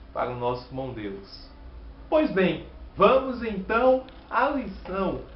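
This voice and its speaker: A man with a Bahian Brazilian accent explaining a Sabbath School Bible lesson in an earnest, measured teaching manner. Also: a little high, echoey room, muffled recording, slight background noise. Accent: Bahian Brazilian Portuguese. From Salvador, Bahia, Brazil.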